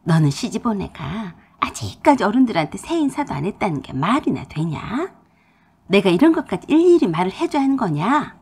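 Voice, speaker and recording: A woman voicing a domineering older mother-in-law who lectures and scolds harshly, her voice slightly breathy. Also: mid-range voice, sing-song, brisk, a little mellow. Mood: scolding.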